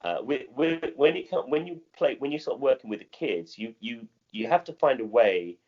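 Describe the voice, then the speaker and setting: A middle-aged man with a modern British accent answers interview questions conversationally as a theatre director, haltingly, often repeating and rephrasing himself. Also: mid-range voice, lively intonation, highs cut off.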